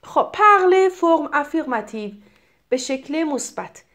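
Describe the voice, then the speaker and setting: A middle-aged woman from Iran teaching French grammar, explaining in Persian and reading French examples slowly and clearly. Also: high voice, lively intonation, fairly bright tone. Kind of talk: grammar lesson.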